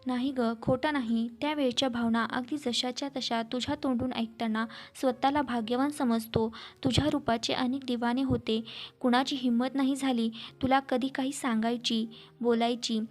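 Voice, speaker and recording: A woman voicing a gentle middle-aged man who speaks softly and reflectively in a storybook reading. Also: on the high side, fairly even intonation, moderate pace, close to an everyday voice. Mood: tender.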